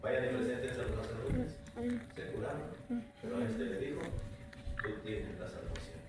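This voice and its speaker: Middle-aged man, pastor, lively preaching, distant mic, noisy echoey room. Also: medium pitch, moderate pace. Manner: animated preaching with rising exclamations. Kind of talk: sermon.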